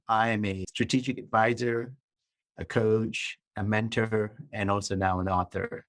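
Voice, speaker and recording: This dry recording captures a middle-aged Malaysian man with a fairly low voice. He is a guest author and coach on a podcast, laying out his ideas in a structured way and often checking in with "right?".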